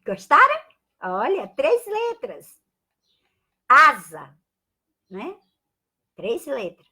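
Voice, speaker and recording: A Brazilian woman teaching a live-streamed Portuguese lesson, spelling sounds out slowly and greeting viewers by name with affectionate asides. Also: fairly high pitch, sing-song, pushed and bright. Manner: slow, drawn-out spelling of sounds and letters.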